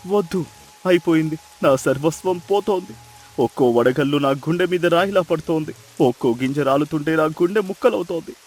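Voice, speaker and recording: An actor playing a poor farmer who pleads and despairs with anguish in a storybook drama. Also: male voice, fairly high pitch, a little mellow, close to an everyday voice. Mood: despairing. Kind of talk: storybook voice acting.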